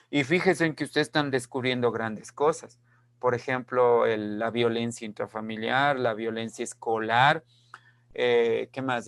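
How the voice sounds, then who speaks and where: A male teacher giving an online class over a video call. He speaks very slowly and deliberately, in a medium voice, repeats his key ideas and keeps asking whether everything is clear. The sound is dry and close. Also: mid-range voice, a bit bright, dry recording. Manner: slow, deliberate, repeats key phrases and checks understanding.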